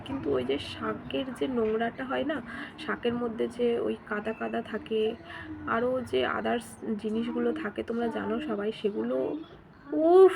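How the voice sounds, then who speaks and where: A woman's voice: fairly high pitch, vocal fry, darkish tone, slight background noise. A woman chatting casually to her viewers as she narrates her day of home cooking. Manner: chatty, talks straight to viewers.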